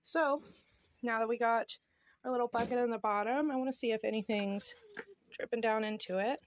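Recorded outside on a home porch with a phone held at arm's length, this thirtysomething homestead vlogger chats casually through a how-to. Her voice is on the high side and steady at normal speed, with a little hiss or hum in the audio.

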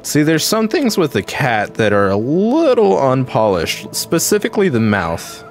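A man's voice: mid-range voice, huge pitch swings, a little slow, soft background music. A man streaming a video game at home, chatting casually and rambling with lots of "like" and "um". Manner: chatty and rambling, many fillers like "like" and "um". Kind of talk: casual gameplay commentary.

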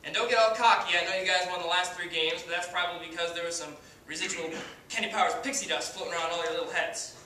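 A man's voice: sits high, fairly even intonation, bright, forceful tone. Young man acting cocky ballplayer's echoey pep speech. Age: young adult. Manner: declamatory, swaggering, deliberate pauses. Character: cocky, foul-mouthed male baseball star rallying his team. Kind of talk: halftime pep speech, audition monologue. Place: indoor hall, stage area, far camera. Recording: distant, very echoey room, faint noise.

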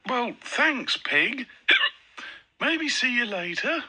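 A woman voicing a polite young puppet girl bothered by hiccups, speaking softly and a little glumly. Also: a little high, very animated, takes it slowly, breathy edge, exaggerated voice.

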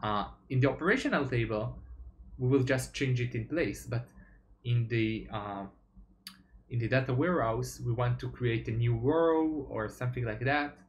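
A young man, a software developer, giving a tech talk over slides, explaining step by step with frequent fillers. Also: mid-range voice, moderate pace.

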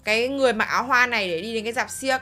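A woman co-hosting a game video, excitably narrating what happens as she plays. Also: on the high side, very fast. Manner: excitable, narrates the story aloud. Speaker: gaming channel co-host. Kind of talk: casual game commentary.

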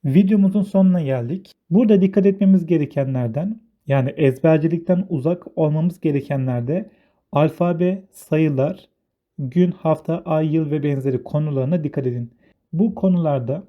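A man explaining a beginner English lesson, going slowly and step by step and repeating each word in two languages. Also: on the high side. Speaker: English teacher. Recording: tinny phone-like sound.

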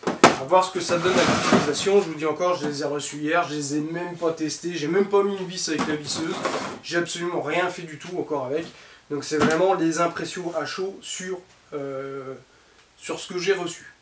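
Speaking at a moderate pace with fairly even intonation and a fairly high pitch, a man in his thirties chats about new tools in his cluttered home workshop. His casual unboxing talk calls viewers "les gars," and the distant camera mic leaves a roomy echo and faint noise.

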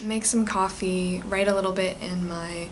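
A woman's voice: fairly low pitch, fairly even intonation, normal speed, a little hiss or hum. A young woman vlogging casually from home, chatty and gushing. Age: young adult. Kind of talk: casual reading vlog chat.

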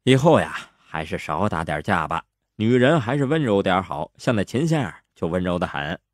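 Man doing a glib young braggart in an audiobook, lowish voice, chatty and teasing. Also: normal speed, no room sound, studio quality. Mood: bantering. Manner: easygoing, lively lecturing banter. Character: glib, cocky young man, boastful joker. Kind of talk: audiobook character voice.

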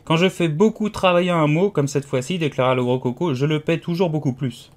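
A man's voice: a little high, a little fast, close to an everyday voice. A man reading an audiobook, voicing a pompous, condescending giant egg man who lectures haughtily. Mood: smug.

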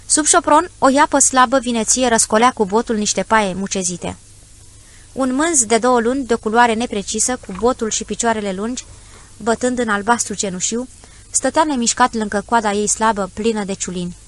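A woman reading a classic story aloud as an audiobook narrator, measured and descriptive. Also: on the high side. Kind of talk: scripted literary narration.

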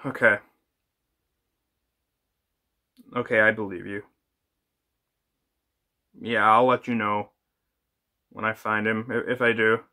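Young male actor as an uneasy amateur ghost hunter for found footage horror: hesitant, unscripted delivery, sharp bright tone, echoey room. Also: lowish voice, little pitch movement. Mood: tense, suspicious. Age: young adult. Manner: halting, hesitant, casual. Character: uneasy young man investigating paranormal disturbances. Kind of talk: improvised found footage monologue. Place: indoors, bedroom and kitchen.

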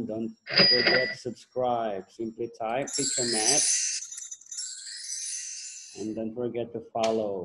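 A young man teaching children a phonics lesson, slowly sounding out letters and switching between Thai and English. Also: mid-range voice, fairly bright tone, a little hiss or hum. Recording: dull lo-fi sound.

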